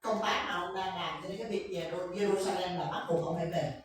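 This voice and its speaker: A woman interpreting a Bible lecture into Vietnamese, quick and explanatory. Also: on the low side, fairly even intonation, a crowd in the background. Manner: quick, explanatory, acts out quotes. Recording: echoey room from far off.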